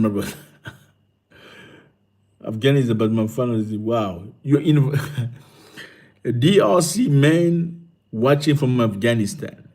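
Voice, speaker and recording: A man's voice: medium pitch, a little mellow. A man hosting a casual livestream, reading out viewers' comments and greeting each one with thanks. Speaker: livestream host.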